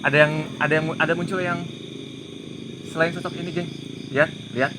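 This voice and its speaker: A man hosting a paranormal investigation, giving hushed, tense live commentary outdoors at night among trees, muttering prayers and pleading. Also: on the high side, fairly even intonation, brisk, noisy background. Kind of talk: live ghost-hunting commentary.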